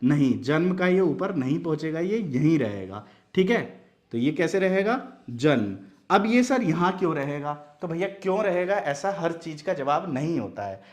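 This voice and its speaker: Slightly high-voiced man teaching. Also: big pitch swings, normal speed. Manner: explains with frequent rhetorical questions to students. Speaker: Hindi teacher. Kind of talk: classroom explanation.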